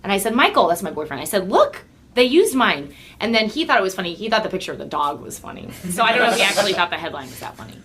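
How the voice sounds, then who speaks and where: A woman's voice: mid-range voice, sing-song, rapid-fire, fairly bright tone, slight background noise. A woman guest on a podcast, talking in a chatty, self-interrupting way and laughing easily. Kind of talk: casual chat.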